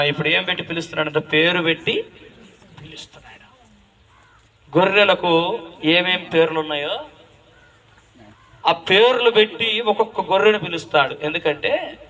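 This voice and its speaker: Male pastor, high bright voice, emphatic call-and-response preaching, pushes lines harder each repeat. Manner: emphatic, repeats key phrases with rising force; questions the congregation directly.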